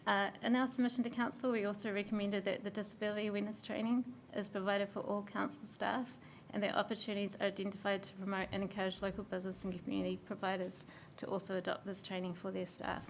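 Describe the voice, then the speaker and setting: Nz woman, hoarse and gravelly, reading her submission out flat and steady. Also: medium pitch, slight background noise. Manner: steady, measured reading with small slips and fillers. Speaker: submitter at a council hearing.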